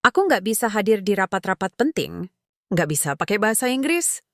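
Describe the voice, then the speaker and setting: A woman voicing a humble young male village grass-cutter who speaks in a quiet, earnest, self-effacing way. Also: mid-range voice, very animated, brisk, no echo, studio quality. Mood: resigned.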